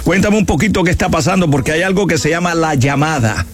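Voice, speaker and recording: A male radio host leading an interview in a friendly way, with a fairly high voice. He drops long drawn-out interjections between questions, over faint music.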